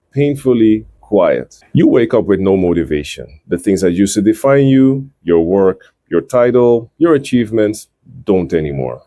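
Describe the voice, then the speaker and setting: A middle-aged man delivering a reflective scripted monologue in a measured, earnest manner, in short phrases with pauses. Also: fairly low pitch, mellow, dry recording, clean studio sound. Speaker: host.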